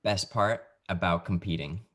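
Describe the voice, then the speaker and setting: A man's voice: low-pitched, unhurried. A male podcast host with an easygoing, jokey manner, interviewing a guest over a video call.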